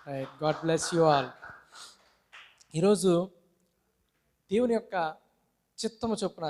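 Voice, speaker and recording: A male pastor preaching a sermon, asking the congregation questions and calling for amens. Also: high voice. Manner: call-and-response, asks congregation questions and amens; mixes English words into Telugu preaching.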